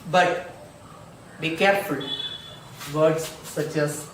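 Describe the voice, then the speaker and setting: A male school teacher, slowly explaining grammar in an online lesson and repeating examples. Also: fairly high pitch, steady tone. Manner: slow, repetitive, drills examples aloud. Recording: echoey room, distant mic, noisy.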